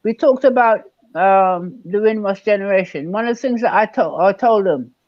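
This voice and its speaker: An older man from Barbados, speaking as a guest elder in an online panel discussion, measured and emphatic, repeating key words. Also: high voice, dry recording, dull audio.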